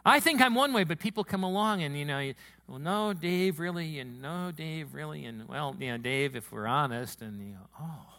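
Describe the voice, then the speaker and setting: In his church sanctuary, a pastor preaches to the congregation in a booming voice that sits high, bright and forceful, with a gravelly texture. He speaks emotionally and gets excited fast.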